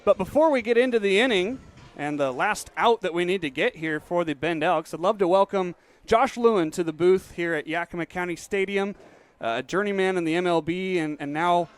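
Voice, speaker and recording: A young man with a high, clear, resonant voice calls a baseball game on the radio from a stadium booth. Speaking briskly and steadily, this play-by-play announcer and host blends calls of the action with interview questions.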